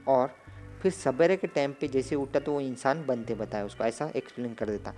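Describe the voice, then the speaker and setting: A man narrating a film recap in a loose, conversational ramble. His voice sits at an ordinary middle pitch, and faint music plays beneath it. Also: moderate pace, dark tone. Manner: loose rambling retelling with filler phrases. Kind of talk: casual spoken movie recap.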